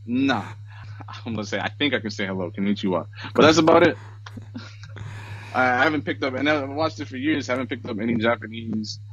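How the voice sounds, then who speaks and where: An American man in his thirties co-hosts a podcast over a video call, sounding relaxed and chatty, chuckling often and using lots of fillers. His husky voice is medium in pitch and fairly quick. He's on a headset in a small room at home, and the call audio is slightly dull and lo-fi.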